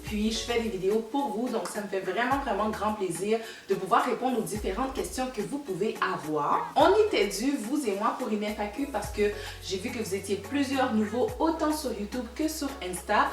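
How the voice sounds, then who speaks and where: A woman's voice: medium pitch, echoey room, distant mic. A woman in her thirties from Canada with a Québécois accent, chatting casually to her viewers and repeating words for emphasis. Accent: Québécois French. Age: 30s. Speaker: vlogger. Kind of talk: casual chat to camera.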